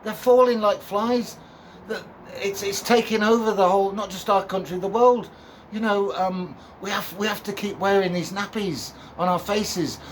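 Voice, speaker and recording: Guy doing a sarcastic panicky doom voice, way up high, over the top. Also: fairly even intonation, moderate pace, a little hiss or hum, natural voice. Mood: mock panic. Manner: sarcastic, exaggerated alarm. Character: mock-panicked man spreading doom.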